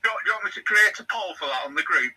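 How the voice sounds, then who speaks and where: A man's voice: high-pitched, expressive, racing, far from the mic, heavy background noise. A man with a Yorkshire accent in a casual group chat, explaining things in a teasing way.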